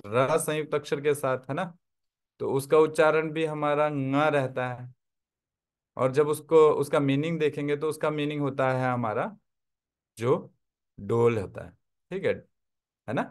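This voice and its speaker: A man's voice: fairly high pitch, measured pace, pauses often. A man teaching a Tibetan script class online, explaining step by step and often checking that his listeners follow. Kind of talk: online language lesson.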